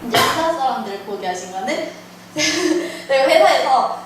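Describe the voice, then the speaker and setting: Chatty high-voiced young woman, echoey room. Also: moderate pace, very noisy. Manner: chatty and animated, rambling. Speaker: church small-group member. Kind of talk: personal testimony sharing. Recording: echoey room, picked up from far off.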